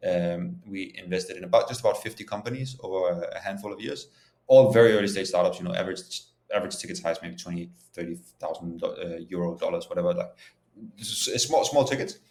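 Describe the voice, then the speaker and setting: In an echoey, roomy recording, a man from Denmark, a startup founder and CEO, gives conversational interview answers and explains things informally as a guest. He talks fast, with a low-pitched, slightly mellow voice.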